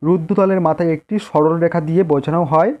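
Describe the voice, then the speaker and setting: A man's voice: a little high, fairly even intonation, fast talker, highs cut off. A man with a Bengali accent teaching an exam-prep lesson, reading out answers point by point and repeating key phrases for students. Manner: dictating, repeats phrases, stresses key terms.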